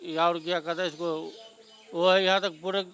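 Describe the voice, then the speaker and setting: High, bright-voiced man complaining bitterly. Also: flat delivery, normal speed, smooth. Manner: resigned, then bitter and indignant. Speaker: local resident, temple priest. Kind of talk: street interview. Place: outdoors at a demolition site.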